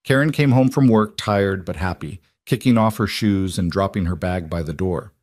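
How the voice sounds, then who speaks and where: A man narrating a romance story in a calm, measured scripted storytelling voice. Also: sits low, dry recording.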